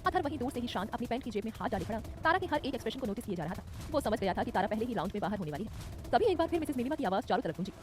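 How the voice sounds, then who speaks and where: A woman narrating a romantic audio story in a brisk, dramatic scripted style. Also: fairly high pitch, very animated, a little hiss or hum. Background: soft music.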